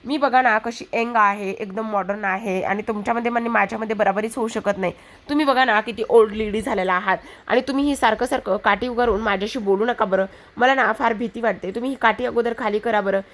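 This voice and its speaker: A woman's voice: a little high, fairly quick, lightly acted. A woman voicing a bold, cheeky young village girl who teases and talks nonstop. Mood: sassy. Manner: chatty, teasing, rambling nonstop.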